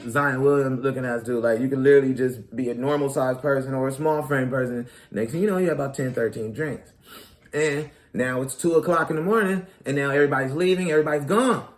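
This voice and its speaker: A man in his thirties, a comedian hosting his own show, talking casually and animatedly in slang straight to his audience. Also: mid-range voice. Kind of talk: casual commentary monologue.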